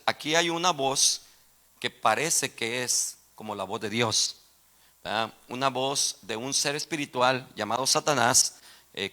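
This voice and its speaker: A man preaching a sermon as pastor in a church, asking for amens and putting questions to his congregation, rising from quiet teaching to loud fervent exclamations. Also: mid-range voice. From Texas. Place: church sanctuary.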